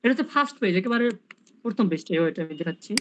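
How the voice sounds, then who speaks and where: A man's voice: high-pitched, lively intonation, rapid-fire, fairly bright tone, muffled recording, a little hiss or hum. A man tutoring English grammar in a casual online lesson, explaining step by step and asking rhetorical questions.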